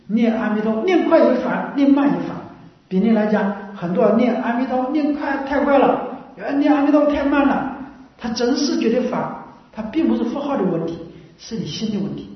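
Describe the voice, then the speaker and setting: Woman buddhist teacher giving a dharma talk, keeps going "right? you know?", booming echo, mic far off, dull lo-fi. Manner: keeps asking listeners short rhetorical questions; repetitive, explanatory. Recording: very echoey room, mic far off, dull lo-fi sound.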